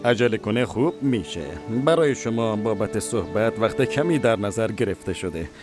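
An actor dubbing a courteous, formal palace attendant. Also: male voice, on the low side, animated, over music, close to an everyday voice. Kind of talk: film dubbing.

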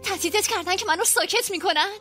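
An actress playing an angry, defiant young songwriter who speaks sharply and combatively in a dubbed drama. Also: female voice, extremely high pitch, bright, forceful tone, faint music behind.

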